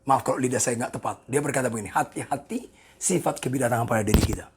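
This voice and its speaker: A pastor in his sixties preaching a sermon, animated and joking with the congregation, with a gravelly, husky voice. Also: medium pitch, fast. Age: 60s. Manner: animated, jokes with the congregation, voices people in quoted asides.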